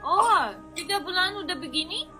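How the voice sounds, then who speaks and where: A woman's voice: extremely high pitch, expressive, normal speed. A woman from Russia with a Russian accent chats casually in simple Indonesian as a foreign learner. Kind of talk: casual chat. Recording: music playing behind.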